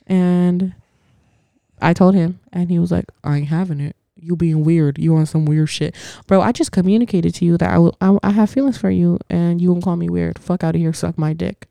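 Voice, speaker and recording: A woman's voice: fairly low pitch, fairly even intonation, fairly quick, gravelly, dark tone, dry recording. A young woman hosting a podcast, talking in a blunt, profane, opinionated way in casual chat. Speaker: podcast host.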